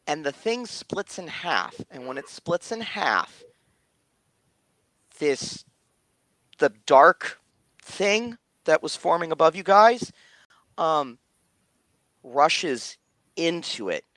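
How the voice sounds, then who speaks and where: A man narrating a tabletop game as game master, halting and repeating words as he goes. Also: on the high side, sing-song, a bit bright, no room sound.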